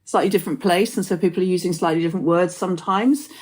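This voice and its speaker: An Englishwoman hosting a poetry podcast muses aloud in long, thoughtful sentences during a conversational interview. Her voice is on the low side, slightly mellow, and quick.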